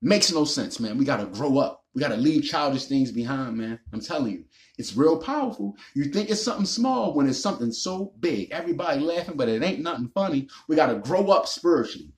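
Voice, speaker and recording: A man, talking straight into the camera with emphatic, preachy conviction. His voice sits a little high and swings widely up and down as he drives his points home. He keeps circling back to the same ideas and tags lines with "man.". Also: animated, brisk. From Baltimore, Maryland. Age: 40s. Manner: emphatic, repetitive, preachy, slangy with "man" asides. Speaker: recovery vlogger. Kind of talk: casual motivational monologue.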